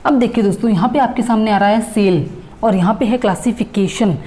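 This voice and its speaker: Woman, teacher, patient step-by-step explanation, spells out letters, warm tone. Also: mid-range voice, brisk. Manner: patient, addresses viewers as friends, repeats and spells out letters. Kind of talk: explanatory reasoning lesson.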